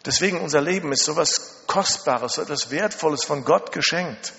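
Preaching in a large, echoing hall, a middle-aged German man speaks at a moderate pace in a slightly high, creaky, sharp voice, emphatically recounting personal stories through repetition and rhetorical questions. The recording is muffled with long reverb.

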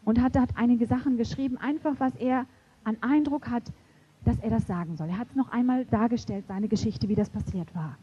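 A middle-aged woman preaching a sermon in an animated storytelling way, acting out the voices she quotes. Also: fairly high pitch, fairly quick, a little hiss or hum. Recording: dull lo-fi recording.

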